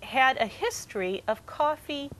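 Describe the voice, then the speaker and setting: A woman's voice: sits high, lively intonation, unhurried, fairly bright tone, poor audio. A woman guest on a TV talk show, explaining her recipes in a cooking demo, steadily and with frequent fillers. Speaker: guest, coffee business co-owner.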